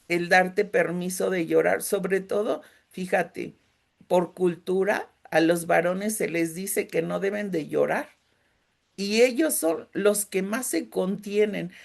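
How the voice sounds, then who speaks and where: A middle-aged woman with a Mexican accent leading a faith-based grief workshop, speaking gently and emotionally and often checking in with her listeners. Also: mid-range voice, vocal fry. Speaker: grief support group leader.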